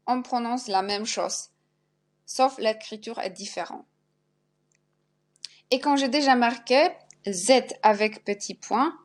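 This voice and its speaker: Female language teacher, slow and deliberate, drills each sound and word twice, mid-pitched voice. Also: fairly bright tone. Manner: repeats each sound and example word slowly. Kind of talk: spelled-out pronunciation lesson.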